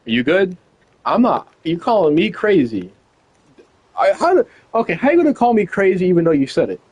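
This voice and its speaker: A young man talks on a live stream, arguing with an AI and swearing in disbelief. His voice is a bit husky and sits on the higher side, swinging widely in pitch as he pushes back. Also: very animated, brisk, a little mellow, muffled recording. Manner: argumentative, swearing, incredulous. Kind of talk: casual live-stream talk.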